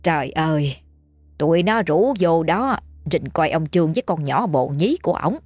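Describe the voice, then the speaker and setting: A gossipy neighbor woman with a Southern Vietnamese accent, as a woman plays her. She chats in a confiding, low, husky voice, as if leaning in during a storybook reading. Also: animated, normal speed, a little mellow, no echo, faint music behind.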